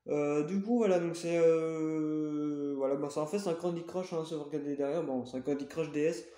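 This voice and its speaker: A man's voice: fairly high pitch, fairly even intonation, normal speed, dark tone, reverberant. A man showing his game collection in a casual, hesitant way, full of fillers and self-corrections. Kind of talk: casual show-and-tell.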